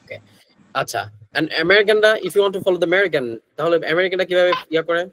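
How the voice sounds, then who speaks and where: A man's voice: sits high, brisk, noisy background. Bangladeshi man teaching English pronunciation. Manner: mixes Bengali with English phrases, asks the class questions. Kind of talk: online class lecture.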